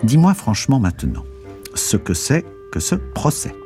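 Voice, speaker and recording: A man voicing an excitable, loud older country uncle in an audiobook reading, agitated and pressing. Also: mid-range voice, normal speed, soft background music, pitched above the performer's own voice.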